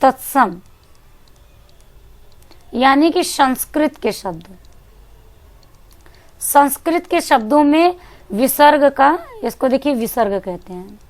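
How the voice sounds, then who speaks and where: A woman with a high voice teaches an exam-prep lesson. She asks a question, then answers it herself and repeats the key point. English words slip into her speech as she goes. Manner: mixes English words into Hindi.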